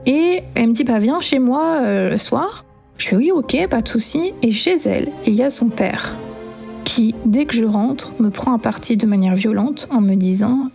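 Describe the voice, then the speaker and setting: A woman's voice: on the high side, creaky, dark tone. A young woman telling her own paranormal experience as a spoken testimony, acting out the dialogue with many fillers.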